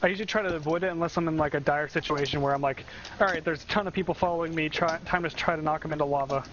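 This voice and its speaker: A man with a fairly high voice rattles off quick, eager game commentary. His sound comes through a dull, lo-fi voice chat line with a faint hiss behind it. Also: fairly even intonation, fairly bright tone. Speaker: tournament commentator. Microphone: online voice chat mic.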